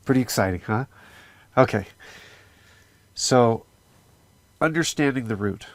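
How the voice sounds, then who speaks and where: A religious teacher with a mid-range voice gives an earnest, conversational scripture lesson at a measured pace, using fillers as he explains. He's animated, and the recording has no echo.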